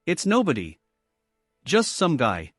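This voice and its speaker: A man's voice: fairly high pitch, wildly swooping pitch, slow, no echo, clean studio sound, faint music behind, exaggerated voice. A man voicing a defiant young wife who brushes off blame with scorn. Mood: dismissive. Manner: scornful, eye-rolling, deflecting.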